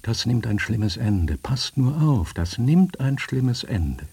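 A man voicing an old forester's mother, fearful and trembling, speaking slowly and stammering. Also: mid-range voice, steady tone, creaky, warm tone, breathy edge, no echo, pitched above the performer's own voice. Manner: slow, stammering, anxious.

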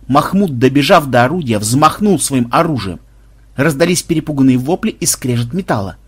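A man narrating an action audiobook in an expressive manner. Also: medium pitch, normal speed, breathy edge.

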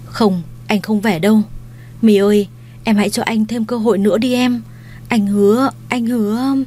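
A woman's voice: medium pitch, steady tone, normal speed, mellow, natural voice. A woman voicing a desperate young man in an audio story, who pleads and then threatens. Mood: pleading. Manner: pleading, turning menacing.

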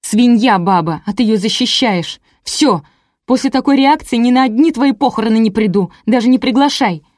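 A woman's voice: a little high, normal speed, a little mellow, dry recording, studio quality, voice pushed up, close to an everyday voice. A woman reading an audiobook, voicing a hysterical jealous wife who shrieks and hurls insults. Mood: shrill furious. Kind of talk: audiobook character voice.

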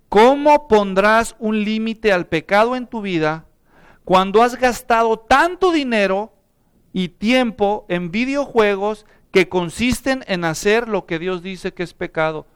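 Middle-aged male pastor, lively sermon full of rhetorical questions, clear resonant tone. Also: high-pitched. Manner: preaching with rhetorical questions to the congregation.

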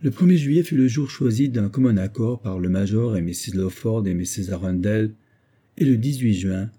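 A man reading a classic novel aloud in measured, steady audiobook narration. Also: fairly low pitch, slightly rough. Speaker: audiobook reader.

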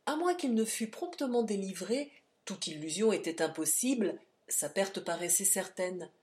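A woman narrating a classic novel aloud as an audiobook reader, with expressive, varied delivery. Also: medium pitch, moderate pace. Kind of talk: literary narration.

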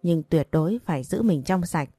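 A woman's voice: fairly low pitch, expressive, normal speed, mellow, husky, dry recording, soft background music. A woman voicing a worried, stern but loving mother who presses her daughter with urgent questions. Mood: worried, pressing.

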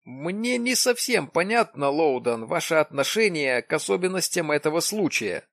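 A man voicing an excitable, insistent businessman in an audiobook, talking emphatically with raised pitch. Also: moderate pace, dry recording. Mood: pleading. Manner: emphatic, exclaiming. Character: excitable middle-aged businessman, pushy and insistent.

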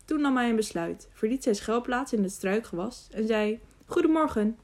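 Woman narrator for an audiobook, calm and measured. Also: a little high. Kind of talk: scripted narration.

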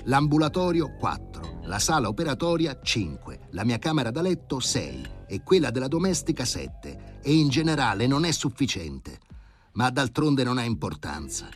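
A man playing a pompous elderly professor who speaks with grave, ironic, drawn-out emphasis. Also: medium pitch, very animated, soft background music, pitched above the performer's own voice, close to an everyday voice. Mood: haughty, stern. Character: pompous elderly male professor, stern and sardonic.

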